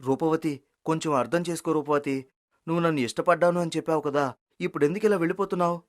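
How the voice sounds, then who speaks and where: A voice actor playing a humble, kind-hearted young village man in an animated story, gentle and pleading. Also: mid-range voice, fast talker, natural voice. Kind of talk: storybook cartoon voice acting.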